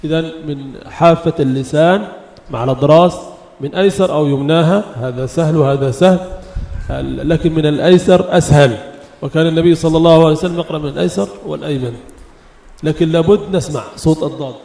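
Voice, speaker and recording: A man's voice: on the high side, vocal fry, warm tone. Man teaching Quran recitation. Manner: slow melodic chanting, then quick explanations. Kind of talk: tajwid lesson, chanting verses and correcting. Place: religious school lecture hall. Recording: roomy echo with faint ambience.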